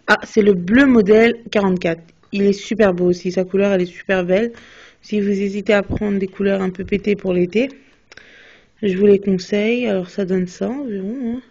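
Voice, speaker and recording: Speaking fairly quickly with fairly even intonation, a young woman with a darkish, medium-pitched voice talks about beauty products she recently bought. She's a beauty vlogger doing a casual haul, hesitant with many fillers and restarts, filmed in dull, lo-fi quality on a phone.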